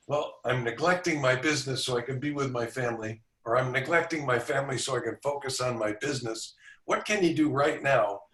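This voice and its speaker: A man's voice: medium pitch, a bit bright. A man, a sales coach guest, giving confident, instructive advice on a video call from a room. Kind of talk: podcast interview. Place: indoor room with a back wall. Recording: roomy sound, distant from mic.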